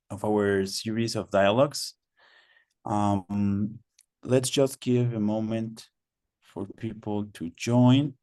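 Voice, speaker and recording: A lowish, somewhat dark voice belongs to this slow, patient webinar host from Mexico, a native Spanish speaker on a video call. He repeats instructions and uses many fillers while moderating online, with clean studio sound and no room noise.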